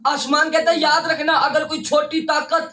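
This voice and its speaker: A man reciting a religious sermon with poetry, declaiming and rising into shouts before an audience in a large hall. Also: extremely high pitch, level tone. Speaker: zakir reciting a majlis. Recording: echoey hall from far off.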